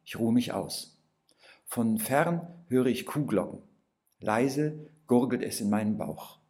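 Man, storyteller, calm gentle narration, mid-pitched voice. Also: slow pace. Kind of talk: scripted first-person story narration.

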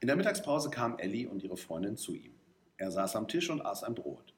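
A man reading a story aloud as narrator, in a lively, expressive way. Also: fairly low pitch, fairly quick. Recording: roomy echo.

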